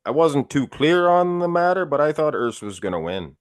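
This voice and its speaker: A man's voice: on the high side, big pitch swings, moderate pace, no echo, clean studio sound. A man on a podcast chatting casually, opinionated and self-deprecating. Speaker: podcast guest. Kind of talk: casual chat.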